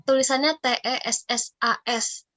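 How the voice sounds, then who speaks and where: A woman's voice: high-pitched, fairly even intonation, moderate pace, fairly bright tone. Chatty Indonesian woman podcast host. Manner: chatty, rambling with many fillers. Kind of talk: casual reaction chat.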